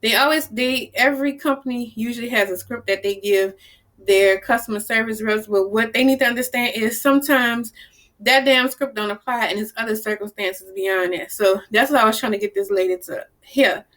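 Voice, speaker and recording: A woman talking casually to camera, telling stories in a lively, blunt way and acting out the people she quotes. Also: a little high, moderate pace. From New Orleans, US South. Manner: animated storyteller, acts out quoted people, blunt and salty. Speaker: vlogger.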